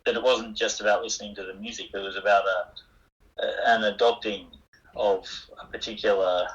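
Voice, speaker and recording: An older Australian musician chats casually as a guest in a phone-line interview, rambling and self-deprecating, with frequent restarts and fillers. His voice is fairly low and fairly bright, with little pitch movement and a moderate pace.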